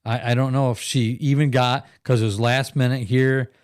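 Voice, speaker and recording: A man's voice: medium pitch, fairly even intonation, moderate pace, a little mellow, clear, resonant tone, no room sound, clean studio sound. A middle-aged man hosting a live podcast stream in a rambling, chatty way, laughing often and reading viewer comments aloud. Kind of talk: casual live-stream chat.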